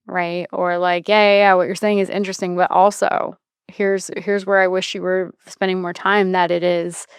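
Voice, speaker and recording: Woman in her 30s, podcast host, smooth clear voice, lowish pitch, reflective chat, dry close sound. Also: no room sound. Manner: reflective, chatty, trails off and restarts. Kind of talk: casual podcast conversation.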